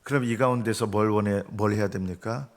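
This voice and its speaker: A man's voice: lowish voice, brisk. A middle-aged man, the senior pastor, preaching an early-morning sermon in an earnest way, often asking rhetorical questions.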